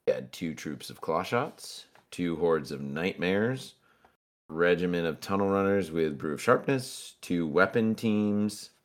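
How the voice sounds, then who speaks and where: A man's voice: low voice, expressive, measured pace. A man on a podcast, methodically recapping his tabletop games in detail. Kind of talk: casual chat.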